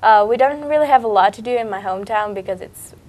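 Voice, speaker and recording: A young woman from Italy with an Italian accent, a native Italian speaker, answering interview questions in a soft-spoken, slightly hesitant way on a lapel mic. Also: a little high, fast. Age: young adult. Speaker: exchange student.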